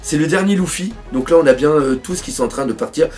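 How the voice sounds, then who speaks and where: French guy reacting live to a manga chapter, hyped, swears a ton, reads the panels out, kinda high voice. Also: fast talker, soft background music. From France. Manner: excitable, swears often, reads panels aloud.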